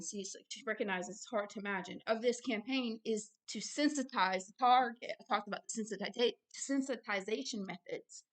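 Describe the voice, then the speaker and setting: On the high side and a bit bright, this woman's voice belongs to a host and religious teacher offering informal religious commentary. Earnest and insistent, she alternates reading aloud with personal asides, frequently repeating phrases to drive points home.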